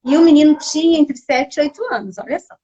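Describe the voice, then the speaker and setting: High-voiced woman hosting a live chat. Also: fast talker. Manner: animated storytelling with sound effects. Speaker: host of a live stream. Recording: dull lo-fi live stream audio.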